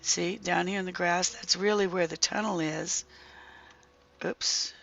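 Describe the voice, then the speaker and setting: Someone with a hoarse, croaky throat and a strained voice that slips into whispers gives a casual, halting gameplay walkthrough, thinking aloud. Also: medium pitch, steady tone, fairly bright tone, highs cut off. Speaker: gaming video creator.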